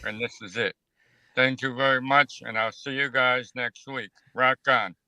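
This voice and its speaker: A man's voice: mid-range voice, steady tone, measured pace, pushed and bright, smooth, no echo, low-quality recording. A man leaving a voicemail for a podcast, upbeat and playful. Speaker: listener calling in. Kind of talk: voicemail message.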